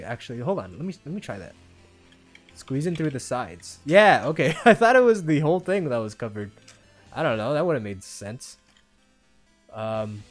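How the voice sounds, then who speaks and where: Excitable gamer with a lively, up-and-down voice. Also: medium pitch. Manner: excitable, reacts loudly with exclamations and self-talk. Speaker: gamer playing a Roblox obstacle game. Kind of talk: let's-play commentary. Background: faint game music.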